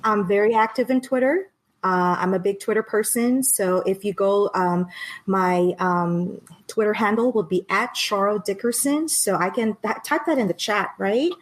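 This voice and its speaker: A woman in her fifties speaks earnestly as a guest on a video call, her voice sitting at an ordinary middle pitch. She talks about her work at length and laughs easily between thoughts. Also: moderate pace, low-quality recording. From Philippines. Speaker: education director and guest. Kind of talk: casual interview over a live stream.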